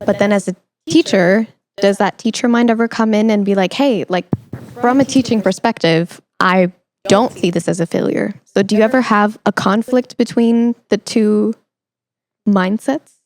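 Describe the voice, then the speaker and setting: Her mid-range voice a little mellow, this young adult podcast host moves at a normal pace through an interview. She works out her questions aloud in a relaxed, thoughtful, conversational manner.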